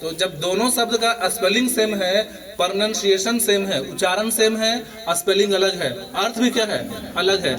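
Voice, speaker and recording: A man's voice: high-pitched, fairly even intonation, moderate pace, a bit bright. A male schoolteacher, leading a morning assembly lesson and quizzing students for chorus answers. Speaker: school teacher. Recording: children's crowd audible behind.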